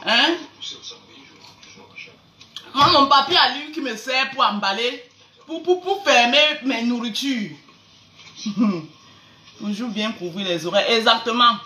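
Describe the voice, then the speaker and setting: A woman's voice: a little high, lively intonation, a little slow, pauses often, bright, forceful tone. A woman with a Cameroonian accent hosting a casual live stream, greeting viewers and mocking people with sarcastic, stammering repeats. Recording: echoey room, faint background noise.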